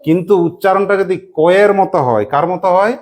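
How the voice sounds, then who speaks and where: A woman teacher runs a classroom grammar lesson in a lowish voice. She keeps the class engaged with constant questions and spells words out one letter at a time. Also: fast, darkish tone. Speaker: English teacher.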